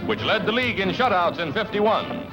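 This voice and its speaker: A man delivers old 1950s newsreel narration in a brisk, punchy announcer manner. His voice is high and bounces lively up and down, with loud music playing under him. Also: rough recording.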